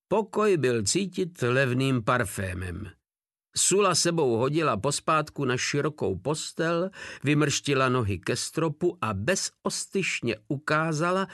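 A man's voice: mid-range voice, a bit bright, no room sound. Man reading a story, dry close sound. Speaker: audiobook narrator. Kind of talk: scripted narration.

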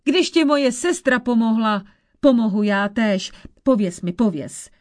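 A woman voicing a hunched old witch in a folk tale, speaking slowly and gravely like a worried grandmother. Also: on the high side, lively intonation, close to an everyday voice. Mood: grave warning. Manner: slow, warning, grandmotherly. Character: old hunched witch Ježibaba, female, caring but grave.

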